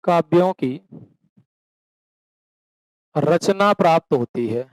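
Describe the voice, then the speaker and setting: A man's voice: a little high, animated, slow pace, dry recording, poor audio. A man teaching a classroom lecture, asking questions and answering them himself, addressing students as beta and slipping into rural dialect for examples. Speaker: coaching teacher.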